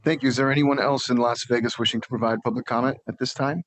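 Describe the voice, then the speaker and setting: A man's voice: medium pitch, steady tone. A man on board staff calling for public comment and moving through a meeting agenda in a businesslike way. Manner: brisk, businesslike. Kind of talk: formal meeting procedure.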